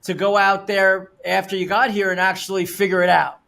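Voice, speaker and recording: A man's voice: sits high, flat delivery, brisk, creaky, sharp tone. An older man hosting a podcast interview, upbeat, loose and conversational. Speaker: podcast host.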